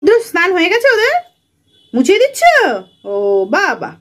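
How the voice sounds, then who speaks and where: A woman's voice: extremely high pitch, sing-song, a little fast, a bit bright. A woman chatting playfully with a small child, coaxing and teasing in a sing-song way. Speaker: caretaker filming a child.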